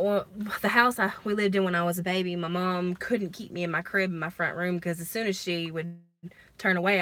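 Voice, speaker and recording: An American woman chatting casually on a livestream in a halting, conversational way with some emphasis. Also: lowish voice, fairly bright tone. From lives in Alabama, United States. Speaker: livestream host. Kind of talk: casual livestream chat about personal experiences.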